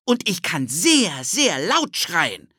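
Cheeky wild young boy, high and bouncy, pushy and excited. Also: takes it slowly, husky, dry recording, clean studio sound, exaggerated voice. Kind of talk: audiobook character voice.

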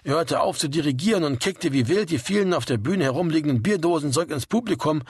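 A man reading a story aloud in a steady, wry narrating manner. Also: a little high, fast, husky, dry recording, clean studio sound. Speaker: audiobook reader. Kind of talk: scripted narration.

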